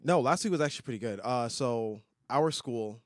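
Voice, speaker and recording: A man's voice: mid-range voice, lively intonation, moderate pace, dry recording, studio quality. A young man with a slight lisp, co-hosting a casual podcast and telling rambling stories full of fillers. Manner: rambling, filler-heavy storytelling. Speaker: podcast co-host. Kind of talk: casual chat. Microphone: studio podcast microphone.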